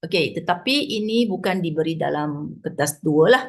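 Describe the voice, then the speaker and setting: A mature woman teacher with a Malaysian accent runs an informal online lesson. Her voice is low, husky and gravelly. She slips back and forth between English and Malay, sprinkling in small check-in tags. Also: animated, brisk. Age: 50s or older. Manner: switches between English and Malay mid-talk; checks in with tags like "right", "ya", "lah". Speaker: chemistry teacher giving an online revision class. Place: online video call with screen share.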